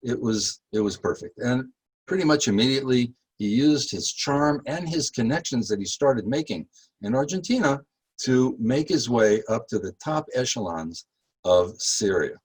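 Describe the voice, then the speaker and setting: Husky-voiced man giving a rambling history talk. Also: medium pitch, animated, poor audio. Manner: chatty, halting with many fillers, rises when emphatic. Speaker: tour guide.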